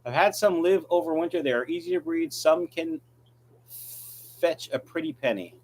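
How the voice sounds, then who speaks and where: A man's voice: a little high, moderate pace, darkish tone, a little hiss or hum. A man hosting a casual livestream, reading viewer questions and answering them in a blunt, offhand way. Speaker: livestream host, aquarium fish breeder.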